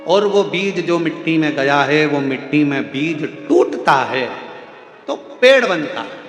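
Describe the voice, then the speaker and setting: A man delivering a devotional sermon, his sing-song voice swinging from loud exclamations to soft low passages as he asks the crowd questions. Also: expressive, takes it slowly. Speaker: religious storyteller. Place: large venue with audience. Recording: echoey hall with faint music.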